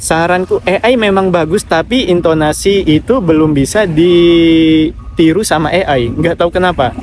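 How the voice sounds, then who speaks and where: A man's voice: a little high, background noise. A man hosting a casual live Q&A, giving direct advice and reading out viewer comments. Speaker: affiliate marketing livestreamer.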